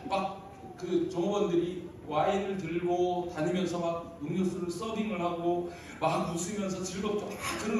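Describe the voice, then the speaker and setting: A man's voice: sits high, slight background noise. A male pastor delivering a story-filled sermon in a church, often calling on the congregation to reply. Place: church sanctuary. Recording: echoey hall from far off.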